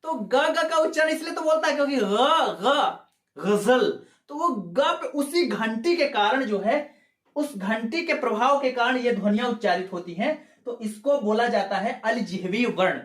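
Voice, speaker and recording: This exam-prep grammar lecture comes from a man speaking at normal speed in a very high, fairly bright voice. Going step by step, he raises rhetorical questions, restates points, and checks in with students using "ठीक है", all in an echoey room.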